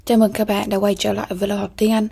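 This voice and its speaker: A woman teacher with a Vietnamese accent, going slowly and methodically through an exam-prep lesson, repeating key words and checking in with "ok ha". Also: mid-range voice, level tone, gravelly, dark tone, husky. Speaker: English teacher.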